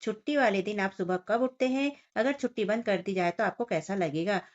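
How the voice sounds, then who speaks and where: Speaking a little fast at a medium pitch, a woman teacher takes young children through a Hindi workbook lesson. She explains each picture and question step by step, addressing the kids directly, and the recording has a dull, lo-fi quality.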